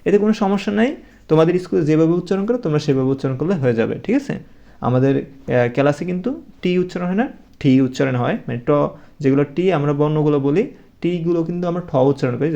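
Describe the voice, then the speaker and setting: Fast-talking male tutor. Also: on the high side, creaky, warm tone. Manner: repeats numbers patiently, checks understanding with "okay?". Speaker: English tutor for young pupils. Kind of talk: casual spoken lesson.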